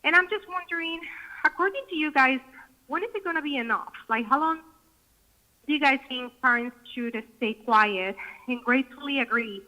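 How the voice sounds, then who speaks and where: A woman's voice: high-pitched, expressive, normal speed, pushed and bright. A woman, a parent giving an indignant public comment at a school board meeting, heard over a speakerphone. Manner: indignant, confrontational. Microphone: phone. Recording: muffled phone line on speakerphone.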